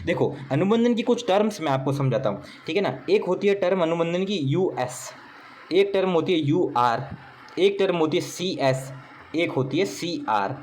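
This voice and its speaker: A male tutor with a high-pitched voice works through exam questions with his students. He jokes along the way and keeps checking they follow. A faint hiss of noise sits under the recording. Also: animated, moderate pace, a little mellow. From Rajasthan, India. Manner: chatty, joking asides, repeats "theek hai na". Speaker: exam coaching teacher. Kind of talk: recorded exam paper walkthrough.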